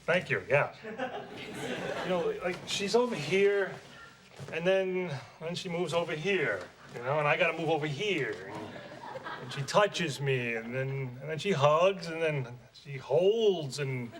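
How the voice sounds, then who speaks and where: An actor playing a flustered, sarcastic husband in a sitcom. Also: male voice, a little high, measured pace, crowd noise, natural voice. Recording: noisy TV audio.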